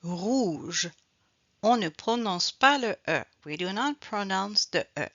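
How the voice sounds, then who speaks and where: A woman teaching French pronunciation, repeating each sound and word slowly and explaining in both French and English. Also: mid-range voice, expressive, fairly bright tone, no room sound. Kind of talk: slow bilingual pronunciation lesson. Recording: dull, slightly lo-fi dry recording.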